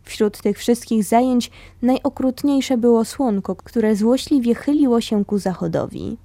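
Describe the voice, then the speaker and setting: A woman reading a memoir aloud, telling it in a calm, steady way. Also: on the high side, measured pace, dry recording. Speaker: reader of a memoir.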